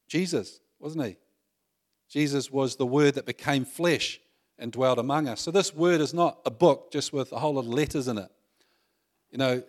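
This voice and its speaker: A middle-aged male pastor giving a conversational sermon, full of rhetorical tag questions and self-deprecating humor. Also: medium pitch.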